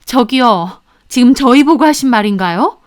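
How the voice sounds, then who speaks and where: A woman's voice: a little high, lively intonation, moderate pace, no echo, studio quality, close to an everyday voice. A woman voicing a hurt, indignant mother who firmly demands an apology. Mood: upset. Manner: firm, pleading.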